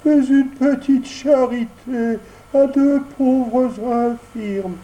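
A man's voice: extremely high pitch, fairly even intonation, very slow, warm tone, highs cut off, voice pushed up, heavily acted. A man voicing a sly old fox beggar in a storybook reading, with a tearful, pleading whine. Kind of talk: audiobook character voice.

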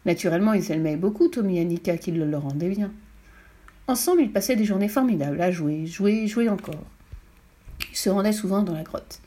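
A woman narrating a children's storybook in a clear, expressive reading voice. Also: mid-range voice, brisk. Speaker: audiobook reader.

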